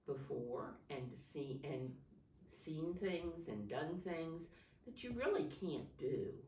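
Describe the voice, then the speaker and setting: A low-voiced woman teaching preschool reads a picture book to young children, slowly guiding them with simple language, questions, and prompts. The microphone sits a distance away in a roomy space, and there's a faint hiss or hum.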